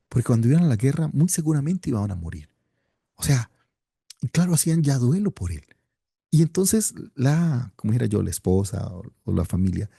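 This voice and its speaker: Male Bible teacher, very dark husky tone, earnest and expressive, stumbling restarts. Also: medium pitch, no echo, clean studio sound. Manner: earnest and expressive, with frequent restarts and tag questions. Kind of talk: Bible study lesson.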